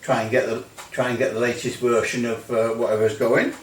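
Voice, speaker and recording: A hobbyist gives a casual, rambling hands-on product review, hesitating and repeating phrases for emphasis. He speaks briskly with a medium-pitched, flat delivery, and the microphone sits some distance away, giving a roomy echo.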